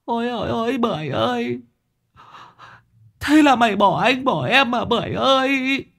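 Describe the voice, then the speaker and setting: A man voicing a tearful, panicky young man who wails in a high, lamenting voice. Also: animated, normal speed, creaky, a bit bright, full character voice. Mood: wailing.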